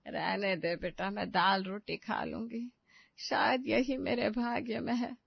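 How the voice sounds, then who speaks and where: A woman's voice: medium pitch, lively intonation, normal speed, dry recording. A woman voicing a sly, taunting old mother-in-law. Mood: self-pitying. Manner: taunting, sly and self-pitying. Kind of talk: animated family story voice acting. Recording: dry, slightly dull studio recording.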